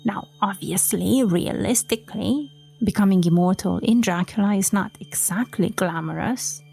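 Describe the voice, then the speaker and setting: Woman from romania chatting about books, bit of vocal fry, soft faint music under her. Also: medium pitch, normal speed. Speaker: podcast host. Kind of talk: reflective book-talk podcast monologue.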